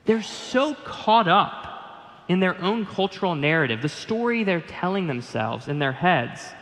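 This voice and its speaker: A male pastor preaching a sermon in an earnest, measured way, building emphasis as he goes. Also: high voice, very animated, fairly bright tone, big-room sound.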